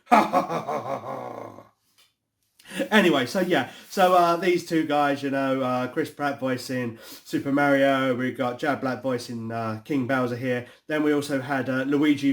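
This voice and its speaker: A man from the UK, hosting a casual, rambling review chat full of fillers. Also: medium pitch. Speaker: host.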